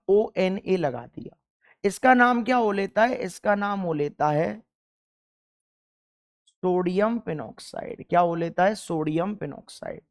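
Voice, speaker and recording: A man's voice: high-pitched, darkish tone. A young man teaching chemistry in an exam-focused lecture, emphatic, repeating key points and firing questions at the class.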